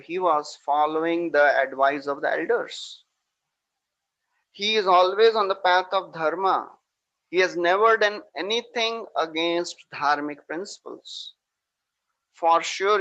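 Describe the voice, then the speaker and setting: A calm, dutiful warrior prince, as a teacher tells it reasons with his brother in an earnest, pleading tone. The voice stays close to the storyteller's own, an epic hero counseling restraint. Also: high-pitched, muffled recording.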